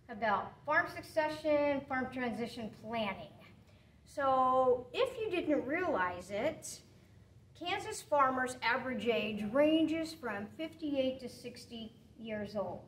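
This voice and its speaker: A middle-aged woman extension agent hosting an interview in a plain, friendly, slightly halting way, seated in a small indoor studio room. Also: high-pitched, a bit bright. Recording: roomy, slightly distant, faint hiss.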